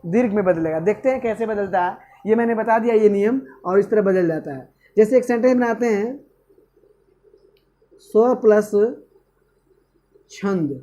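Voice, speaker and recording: A man's voice: high voice, normal speed, pauses often, warm tone, dull audio. A male teacher giving an exam-prep grammar lesson, asking questions and answering them himself. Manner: asks and answers own questions, repeats "okay".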